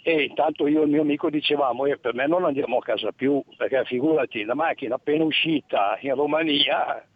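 An older man calling in to a radio show over a phone line, telling an anecdote in a halting way with many restarts. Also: a little high, slight background noise. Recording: tinny phone line, dry.

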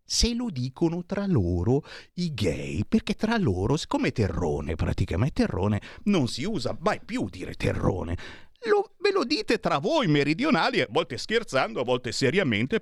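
A man's voice: medium pitch, no room sound, clean studio sound. A man commentating to his viewers in a sarcastic, provocative casual monologue. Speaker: online commentator.

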